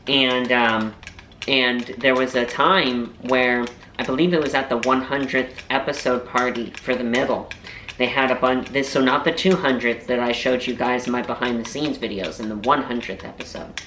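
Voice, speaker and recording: A man's voice: mid-range voice, steady tone, moderate pace, pushed and bright, slight background noise. A young man and voiceover artist chatting casually to camera in a food-tasting vlog. He rambles and cracks playful self-mocking jokes. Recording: roomy echo.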